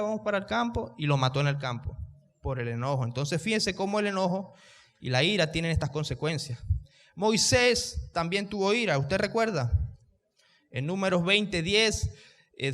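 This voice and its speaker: A man's voice: high-pitched, fairly bright tone, in a large hall. A male pastor, preaching a sermon, raising his voice so the room can hear him and putting questions to the congregation. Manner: raises his voice to reach the room. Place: church.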